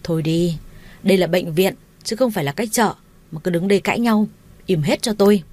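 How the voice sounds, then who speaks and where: Brief: woman narrator doing a stern, commanding father, low voice, story reading. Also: a little fast, a little mellow, natural voice. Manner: stern, scolding.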